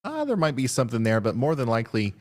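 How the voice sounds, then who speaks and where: A man hosting a live severe weather stream, talking through radar updates in a halting, thinking-aloud way. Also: medium pitch, huge pitch swings, noisy background.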